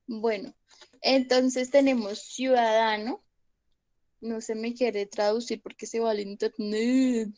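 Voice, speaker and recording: Young woman teacher, kinda high voice, dry phone mic sound, explains everything step by step and keeps asking "ok?". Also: steady tone, slow, a little mellow, no room sound, poor audio. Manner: explains step by step, checks in with "¿listo?" often. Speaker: English teacher. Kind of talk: online class explanation. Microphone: phone microphone.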